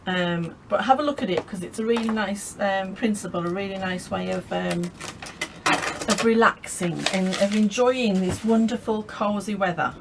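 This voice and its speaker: A woman's voice: medium pitch, normal speed, gravelly. Casual woman, craft vlogger, rambling and friendly, light background hiss. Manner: chatty, rambling, laughs often.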